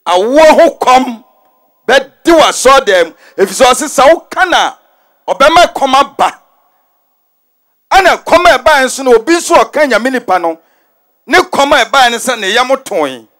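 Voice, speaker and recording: A man with a Ghanaian accent preaching a forceful, repetitive sermon in a large stadium, mixing in English phrases. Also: very high voice, expressive, slow. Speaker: prophet preaching.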